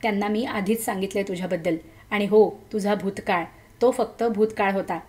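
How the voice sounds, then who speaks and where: A woman's voice: medium pitch, fairly even intonation, fairly quick, a little mellow, lightly acted. A woman voicing an affectionate young man in a story, soothing and reassuring.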